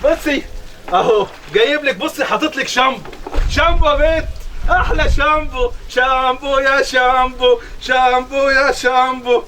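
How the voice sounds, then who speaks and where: An actor playing a doting Egyptian farmer husband, coaxing and playful. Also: male voice, very high voice, lively intonation, brisk, fairly bright tone, a little hiss or hum, poor audio. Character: doting rural husband, middle-aged.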